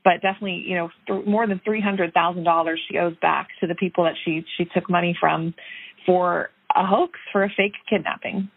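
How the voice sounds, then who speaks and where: A woman's voice: on the low side, fairly even intonation, a little fast, gravelly, husky. A woman investigative reporter talking through a case in a remote news interview, conversational with many fillers and restarts. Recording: tinny phone-like line.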